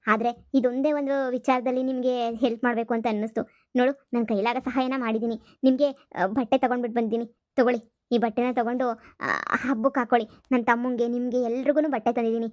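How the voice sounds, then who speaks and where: A woman voicing a kind-hearted young woman who talks in a hushed, scolding, urgent way in a cartoon comedy. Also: fairly high pitch, no room sound, dull audio, close to an everyday voice. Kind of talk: cartoon voice acting.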